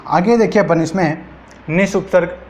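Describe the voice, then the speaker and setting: Rajasthani guy teaching hindi grammar, highish voice, says every word twice and keeps asking the class. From India. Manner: repeats each word slowly and asks the class questions. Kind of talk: exam-prep grammar lesson.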